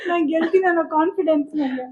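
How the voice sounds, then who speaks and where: A woman's voice: extremely high pitch, racing, darkish tone, highs cut off. A woman in a casual couple comedy skit, boastful and confident.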